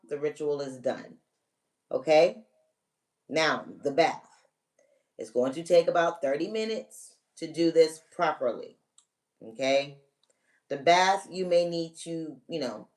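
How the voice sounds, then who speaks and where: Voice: mid-range voice, darkish tone. A spiritual reader on a live stream, talking viewers through a ritual step by step in a casual, emphatic coaching way and checking in often. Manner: emphatic, direct commands. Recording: voice a bit distant from the mic.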